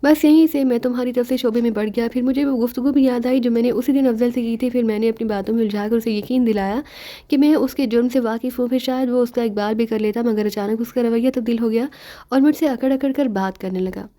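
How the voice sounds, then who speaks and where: Sly joking male sleuth, read by a woman; mellow tone, mocking patter. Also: fairly high pitch, fairly even intonation, close to an everyday voice. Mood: calm explaining. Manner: rambling, mocking, teasing. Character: sly joking male detective, young man.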